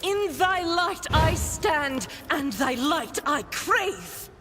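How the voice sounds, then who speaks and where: Fanatical female crusader, solemn, high and measured game voice, loud music behind. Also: big pitch swings, exaggerated voice. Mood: solemn zeal. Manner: solemn, devout, declamatory. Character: fervent zealous warrior woman devoted to her Emperor. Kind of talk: video game voice acting.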